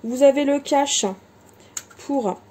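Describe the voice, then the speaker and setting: A woman's voice: high voice, fairly even intonation, slow pace, warm tone. A woman showing her craft supplies in a casual vlog, chatty, with lots of fillers and self-corrections. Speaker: crafting vlogger. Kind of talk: casual show-and-tell vlog.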